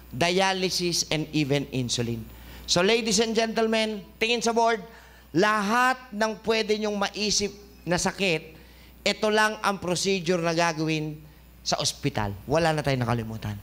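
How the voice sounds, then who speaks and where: Male doctor-host, high-pitched, jokey lecturer who keeps quizzing the room, studio. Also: a bit bright. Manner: joking, quizzing listeners with questions. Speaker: health talk show host and doctor. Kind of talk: lively health lecture.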